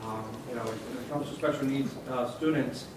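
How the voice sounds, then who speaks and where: A man speaking as a state legislator on a panel, halting with many fillers and restarts. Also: mid-range voice, fairly even intonation. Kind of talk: panel discussion remarks. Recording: echoey hall, distant mic, noisy.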